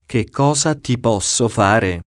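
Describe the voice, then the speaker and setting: A man's voice: medium pitch, animated, slow, no echo, studio quality. Man reading a pious princess questioning a ghost. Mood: earnest. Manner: earnest, persistent questioning. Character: pious noblewoman questioning a spirit.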